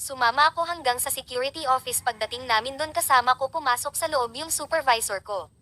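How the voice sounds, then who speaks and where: A woman telling, in the first person, how she was accused and pressured at work, in a steady, recounting manner. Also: sits high, brisk. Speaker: complainant telling her story. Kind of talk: first-person account, read aloud.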